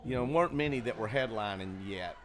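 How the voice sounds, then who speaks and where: Speaking a little fast in a lowish, slightly bright voice, a man who runs a comedy club tells stories in a green room. It's casual storytelling chat from a co-host who wanders, using plenty of fillers and starting sentences over.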